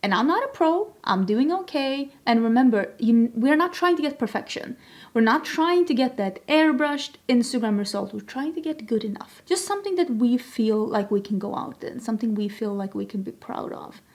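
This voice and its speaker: A young Swedish woman, a beauty vlogger whose first language is Swedish, chats casually and pokes fun at herself while doing her makeup on camera in a tutorial. Her voice is fairly high and expressive, and she talks at a moderate pace.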